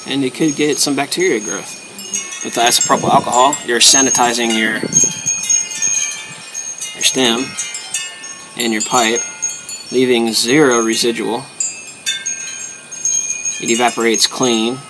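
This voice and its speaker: A man casually talking through a hands-on demonstration step by step, in terse, short phrases with pauses between them. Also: mid-range voice, fairly even intonation, noisy background. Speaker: host of a pipe hobby video series.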